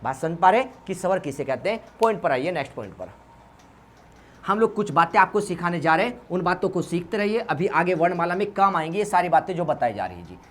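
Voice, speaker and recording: A man's voice: high-pitched, lively intonation, fairly quick, a bit bright, a little hiss or hum. A man with an Uttarakhand Hindi accent teaching a grammar class for exam students. He repeats each point several times and quizzes the class, answering his own questions and tagging "ji" onto his lines. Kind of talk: exam-prep lesson.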